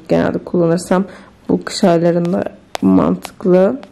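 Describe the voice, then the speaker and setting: A woman's voice: fairly low pitch, dark tone. A woman chatting casually in a home vlog, thinking aloud and easily amused, with faint music behind her. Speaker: vlogger. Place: home kitchen.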